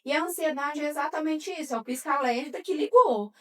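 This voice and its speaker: A woman's voice: high voice, fairly quick, distant mic. A woman psychologist with a Brazilian Portuguese accent, explaining patiently with everyday examples and many fillers. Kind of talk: explanatory podcast talk.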